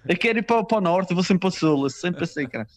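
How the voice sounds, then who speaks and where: A stand-up comedian from Madeira, with a Madeiran Portuguese accent, chats casually, teasing and joking in slangy banter. His voice is high, with lively intonation and a rapid-fire delivery.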